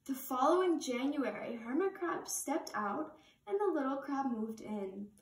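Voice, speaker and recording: A young adult woman reading a children's picture book aloud with slow, expressive storytelling, sitting on a couch in a living room. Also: sits high. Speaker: reader. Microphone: camera across the room. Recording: roomy living room from far camera.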